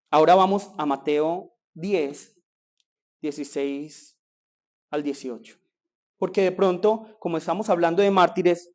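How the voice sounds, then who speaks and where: A man's voice: fairly high pitch, darkish tone. A man preaching a sermon as pastor, asking rhetorical questions and pressing his points with rising emphasis.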